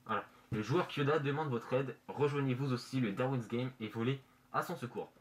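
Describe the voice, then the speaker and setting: A manga review vlogger presents casually from his bedroom, his mid-range voice a bit muffled by a face mask. He halts and hesitates, searching for words. The amateur room recording is noisy.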